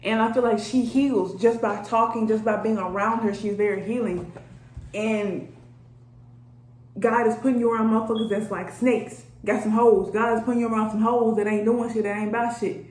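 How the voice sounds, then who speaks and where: A woman's voice: on the high side, steady tone, moderate pace, a little mellow. A woman giving a casual tarot reading to her viewers, blunt, profane and chatty as she talks straight at them. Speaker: energy reader. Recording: roomy echo, faint background noise.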